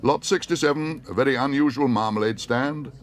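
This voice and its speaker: A man voicing a brisk male auctioneer who calls out the bids, in a storybook reading. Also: medium pitch, voice pushed up, close to an everyday voice. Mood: calling. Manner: calling out, projecting.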